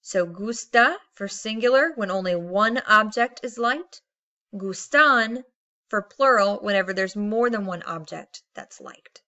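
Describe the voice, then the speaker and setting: A woman's voice: mid-range voice, unhurried, pushed and bright, dull audio. A woman teacher explaining grammar patiently in a recorded lesson, reading out Spanish examples.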